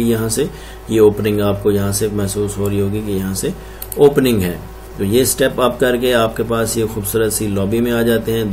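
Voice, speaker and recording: A man's voice: on the low side, darkish tone, slight background noise. A man presenting and explaining house floor plans room by room, as an architect would. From Pakistan. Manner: explanatory, lists rooms one by one. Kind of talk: screen-recorded floor plan walkthrough.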